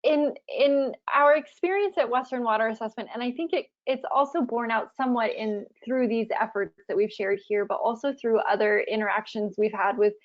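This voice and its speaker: Chatty woman panelist, muffled call audio. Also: medium pitch. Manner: conversational, fillers like "you know" and "like". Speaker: webinar panelist from a climate research program. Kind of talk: unscripted panel answer. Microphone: video call with poor audio. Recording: dull lo-fi video call audio.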